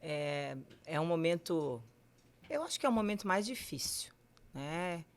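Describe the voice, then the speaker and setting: A woman, telling her personal story candidly and haltingly, with many fillers. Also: low voice, animated, clean tone. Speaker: guest sharing her cancer story.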